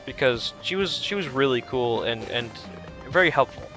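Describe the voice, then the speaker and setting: A man's voice: mid-range voice, expressive, moderate pace, pushed and bright, faint music behind. A young man streaming a video game, chatting in a rambling, easygoing way with lots of restarts. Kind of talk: casual chat while streaming a game.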